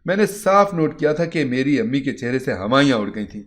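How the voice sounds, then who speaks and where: A man reading a first-person moral story in a steady, earnest narration. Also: medium pitch.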